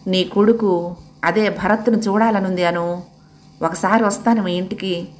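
Woman doing a gentle regretful man. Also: mid-range voice, measured pace, lightly acted. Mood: heartfelt. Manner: calm, heartfelt. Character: gentle grown man, regretful old friend.

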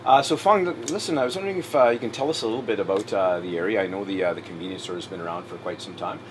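Casting: Canadian man, forties, fast-talking casual interviewer, low pitch, inside a small shop. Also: noisy background. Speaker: municipal election candidate, interviewer. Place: small convenience store, indoors.

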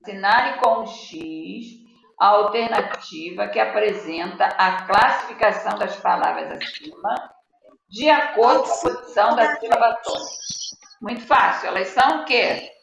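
A woman's voice: mid-range voice, normal speed, creaky, fairly bright tone. A Brazilian woman teacher giving a patient live online Portuguese lesson to children, reading word lists aloud and quizzing her pupils. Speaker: schoolteacher. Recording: echoey room, dull lo-fi audio with faint noise.

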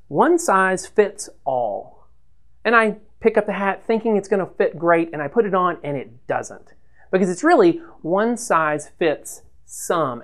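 A man's voice: high-pitched, fairly bright tone. A man in his fifties giving a standing whiteboard lesson in a small room, talking animatedly and gesturing as he explains. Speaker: church web consultant presenter.

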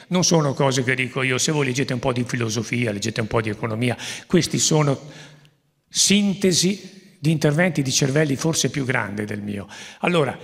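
A man's voice: medium pitch, creaky, husky. A man moderating a public meeting, exhorting the audience with emphatic repeated warnings. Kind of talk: public talk at a conference. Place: theatre stage before a large audience. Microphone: handheld microphone. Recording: long theatre reverb.

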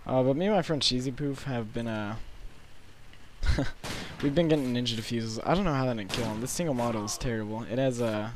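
An eighteen-year-old gaming commentator, alone in his bedroom at night, rambles through casual gameplay commentary in a hoarse, sore-throated voice. His medium-pitched delivery halts often and is packed with fillers, with slight noise in the background.

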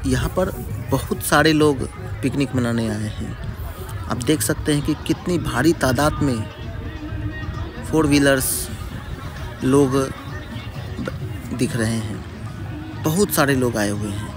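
A man's voice: mid-range voice, unhurried, long pauses, over music. Man narrating a riverside travel vlog. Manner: friendly, addresses viewers as friends. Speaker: travel vlogger. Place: outdoors at a riverside picnic spot.

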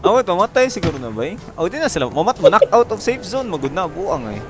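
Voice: medium pitch, big pitch swings, fast. A gamer with a Cebuano accent, bantering casually with a friend while streaming, laughing often and swearing playfully.

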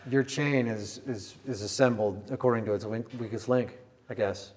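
A middle-aged American man, acting as an interviewer on a visitor's tour, chats casually in a somewhat low, slightly mellow voice at a moderate pace, thinking aloud and rephrasing as he goes. He's in a large indoor tower room, recorded on a clip-on chest mic.

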